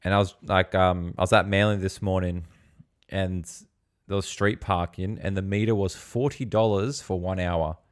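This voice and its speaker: Aussie bloke with a low voice hosting a chatty podcast, easygoing, lots of little questions. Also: male voice, fairly even intonation, normal speed, clean tone. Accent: Australian. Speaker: podcast host. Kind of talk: casual chat.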